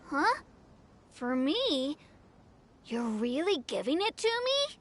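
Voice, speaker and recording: Earnest, high-pitched little boy. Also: very animated, slow, a little hiss or hum, full character voice. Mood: amazed. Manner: childlike, earnest. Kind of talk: video game voice acting.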